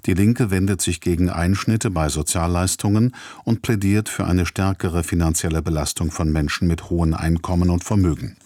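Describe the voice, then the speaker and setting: A man reading a radio news bulletin in an even, formal way. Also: sits low, dry recording. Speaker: newsreader.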